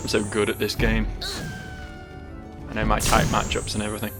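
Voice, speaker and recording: Male let's play host: sardonic, sweary, offhand, gravelly fry in the voice, game music underneath. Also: fairly low pitch, monotone, a little fast. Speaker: gaming video host. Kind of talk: casual let's play commentary.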